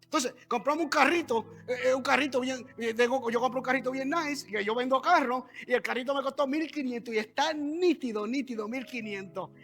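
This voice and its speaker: A man preaches a sermon in a church, talking straight to the congregation with asides and quick questions. His voice sits very high and rings bright and forceful. Soft music plays faintly behind him. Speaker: pastor.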